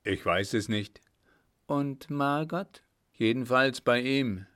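A defiant coachman in an audiobook answers his captors bluntly and stubbornly, close to the reader's own voice, read by a man. The pace is unhurried. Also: mid-range voice, fairly bright tone.

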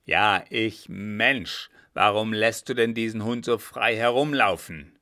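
A man voicing a gruff, irritable army captain who talks loudly and threateningly. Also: fairly low pitch, normal speed. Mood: angry, barking. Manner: loud, barking and threatening.

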